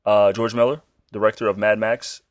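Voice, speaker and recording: A man co-hosting a casual chat, animated and swearing freely. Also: on the low side, normal speed, dry recording. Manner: animated, swears freely, puts on silly quoted voices. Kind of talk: casual chat about comic book shows.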